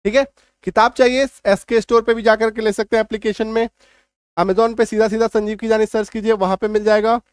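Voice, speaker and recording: Male teacher, high voice, dry close sound, drills each rule and checks understanding. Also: little pitch movement, a little fast, no echo. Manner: emphatic, repeats rules and asks "clear?". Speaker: English teacher. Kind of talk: classroom-style spelling lesson.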